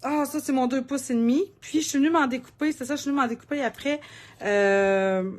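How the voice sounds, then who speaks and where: A woman's voice: sits high, brisk. A woman with a Québécois accent hosting a live card-making demo, chatting in a rambling, talkative way and laughing often. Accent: Québécois French.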